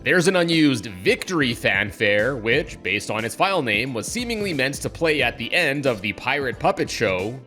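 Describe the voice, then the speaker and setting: A man's voice: mid-range voice, sing-song, normal speed, hardly any pauses. A man hosting a gaming video, reading scripted explainer narration. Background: music.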